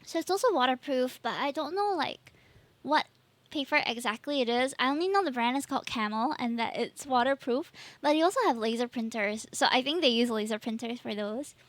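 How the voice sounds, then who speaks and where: Young Singaporean woman streamer, high voice, chatty and rambling with frequent laughs. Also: a little fast, no echo. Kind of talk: casual live-stream chat.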